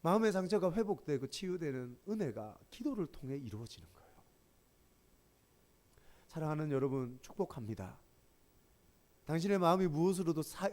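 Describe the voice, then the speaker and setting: Middle-aged man preaching, high-pitched and very expressive, moving between excited storytelling and hushed confession. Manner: animated storytelling, dropping to soft emotional tones. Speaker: pastor. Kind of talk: sermon with personal stories.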